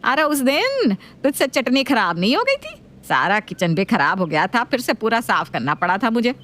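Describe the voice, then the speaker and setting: A woman's voice: big pitch swings, fairly bright tone. Woman doing a nagging old mother-in-law. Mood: scolding. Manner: scolding, slow and lower-voiced.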